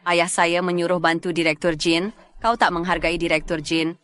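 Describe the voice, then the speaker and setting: A woman's voice: fairly low pitch, fairly even intonation, moderate pace, fairly bright tone, lightly acted. A woman dubbing a haughty, commanding rich young heiress. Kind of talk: dubbed drama acting.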